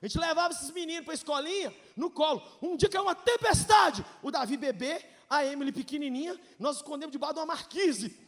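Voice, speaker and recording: This is a testimony sermon from a Brazilian pastor in his forties whose very high voice echoes with long hall reverb. He talks a little fast with hardly any pauses, telling his story emotionally, jumping from shouts to hushed confidences and slipping in jokes.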